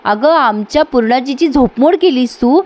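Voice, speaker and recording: Woman reading a fierce young wife, sharp, demanding, high voice. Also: normal speed, lightly acted. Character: young wife confronting a rival.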